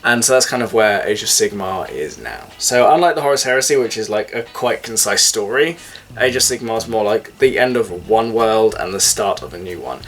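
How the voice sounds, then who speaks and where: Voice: medium pitch, lively intonation, moderate pace. A tipsy host rambling through a casual explanation like a drunk person chatting. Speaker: host of a hobby video channel.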